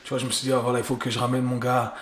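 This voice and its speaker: A podcast host from Geneva, Switzerland, chats loosely and casually, slipping English slang into his talk. His medium-pitched voice is monotone and races along, and the recording has a roomy echo.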